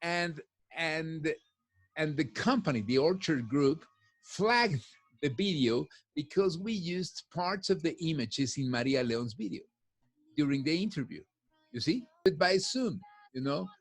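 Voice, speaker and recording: Speaking a little slowly in a slightly high, expressive voice, this Spanish-speaking middle-aged guest talks freely and stacks up false starts. It's a laid-back podcast conversation from a home office, picked up by headphones during a video call.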